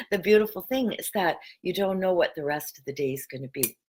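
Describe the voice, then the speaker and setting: A middle-aged woman spiritual coach with a Pacific Northwest American accent, talking in a gentle, chatty vlog style with guided breathing. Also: on the low side, animated, normal speed, slightly rough. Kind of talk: casual spiritual vlog talk.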